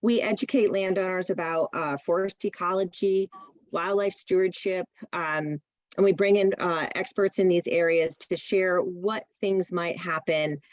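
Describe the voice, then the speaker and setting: A woman's voice: lowish voice, steady tone, a little slow, no room sound, highs cut off. A woman directing a nonprofit, giving a friendly, informative talk to a public meeting over a video call. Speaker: presenter, nonprofit executive director.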